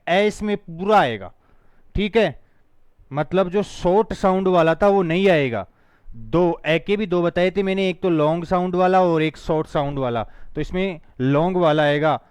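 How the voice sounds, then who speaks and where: A man leads a phonetics lesson in a firm, teacherly way. He breaks words down slowly letter by letter and pushes listeners to repeat after him. His voice sits a little high and comes through smooth and dry, close to the mic. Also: no room sound. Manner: drills words slowly, spelling them out letter by letter; firm, teacherly, urges students to repeat along. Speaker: spoken English teacher.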